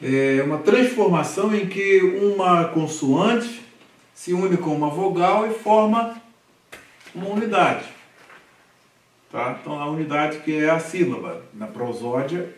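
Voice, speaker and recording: Slow Brazilian man teaching in echoey classroom. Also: fairly high pitch. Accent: Brazilian Portuguese. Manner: patient, repeats syllables slowly and checks with "tá?". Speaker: Hebrew literacy teacher. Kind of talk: classroom lesson, drilling syllables aloud. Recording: echoey room recorded from a distance.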